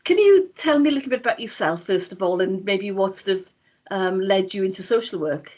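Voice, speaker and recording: A woman's voice: medium pitch, lively intonation, a little fast, a little mellow. Woman interviewer on slightly dull audio. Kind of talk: polite interview questions.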